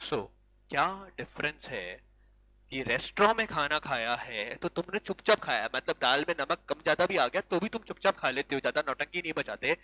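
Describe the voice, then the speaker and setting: A male law teacher with a high, very bright and cutting voice, recorded close and dry. He lectures with animation, firing off repeated rhetorical questions and sliding into English for the key terms. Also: animated, normal speed, no room sound, poor audio. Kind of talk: classroom lecture.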